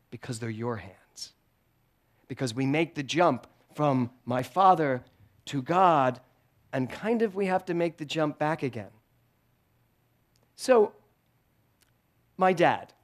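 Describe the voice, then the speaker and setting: A middle-aged man preaches in a relaxed, conversational way, with a voice that sits a little high for a man. He tells stories with self-deprecating humor and laughs often between his points. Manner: animated storytelling with frequent laughter. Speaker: guest speaker at a spiritual center. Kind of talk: sermon.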